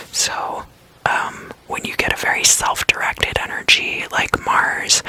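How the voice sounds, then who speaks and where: A speaker giving a whispered astrology forecast, talking slowly and thoughtfully with frequent pauses and fillers. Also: bright, forceful tone, low-quality recording. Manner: whispering throughout; slow, thoughtful, with many fillers.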